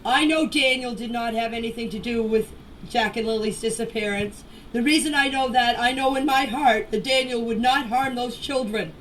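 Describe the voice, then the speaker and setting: Speaking at normal speed in a fairly high, somewhat bright voice, a woman gives a spontaneous personal statement over voice messages. Plainspoken and emphatic, she repeats phrases to stress them. The audio is noisy, and she's distant from the mic.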